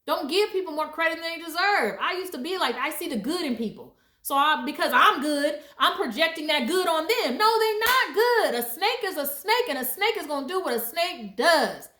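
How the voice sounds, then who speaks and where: A woman's voice: high voice, expressive, brisk, few pauses, pushed and bright, reverberant. A woman giving blunt life advice in a casual, emphatic and preachy monologue, laughing often.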